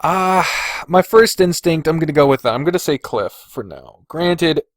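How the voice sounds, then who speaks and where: Here a solo podcaster ranks things casually, thinking out loud in relaxed, loose language. He speaks on the high side with lively intonation and a moderate pace, in studio-quality audio without echo.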